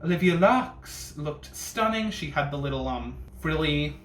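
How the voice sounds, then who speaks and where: On the high side and unhurried, this man's voice has lively intonation as he delivers casual reaction commentary for a ranking video he hosts. The tone is camp and sassy, a bitchy drag-queen delivery loaded with slang and swearing. It was recorded in an echoey room with a little faint noise.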